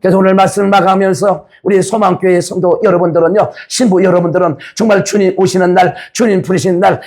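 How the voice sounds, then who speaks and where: A man's voice: high voice, steady tone, fast, darkish tone. A male pastor delivering a sermon in a church, impassioned and colloquial, ending in prayer.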